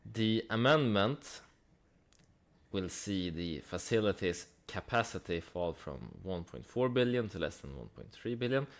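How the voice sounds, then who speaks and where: Speaking very slowly in a fairly low voice, the host of a stock analysis channel offers casual, expressive commentary. He keeps it conversational, relying on rhetorical questions and dry asides.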